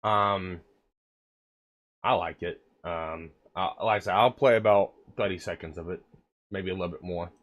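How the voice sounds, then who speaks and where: Sitting low and moving at a moderate pace, this man's voice has a phone-quality sound despite the desk microphone. He's livestreaming while sick with a cold and cough, chatting casually in a rambling way with many fillers and an occasional swear.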